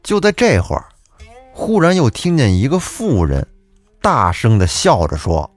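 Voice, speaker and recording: A man, narrating a folk tale in a lively, animated way as the show's storyteller. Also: medium pitch, a little slow, soft background music. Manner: lively, animated, acts out the characters' voices. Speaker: storyteller host.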